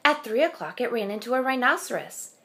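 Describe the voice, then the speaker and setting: A woman in her thirties reading a children's picture book aloud at home in front of a webcam, expressive and slowing for suspense. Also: a little high. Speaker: storyteller. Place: home room with shelf.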